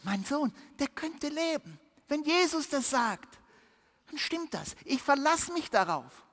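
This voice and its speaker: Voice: very animated, slow pace, big-room sound, heavily acted. A preacher acting out the voice of a desperate father begging for his dying son's life. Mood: hopeful. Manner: pleading, high and loud.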